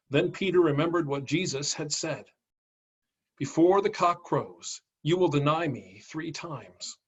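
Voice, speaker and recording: Husky middle-aged man reading scripture. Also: on the high side, fairly bright tone, highs cut off. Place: indoor room, on a video call. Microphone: video call.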